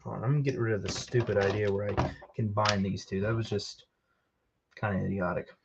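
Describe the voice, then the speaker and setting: A man's voice: on the low side, steady tone, brisk, creaky, very noisy. A man casually commenting while he builds with Lego, rambling and joking at himself as he works. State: tired.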